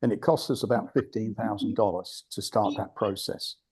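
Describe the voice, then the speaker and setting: Speaking at normal speed, this British man has a lowish, husky, darkish voice with a steady tone. He's older and giving an informal talk as a club's guest speaker, blunt and prone to digressions and restarted sentences.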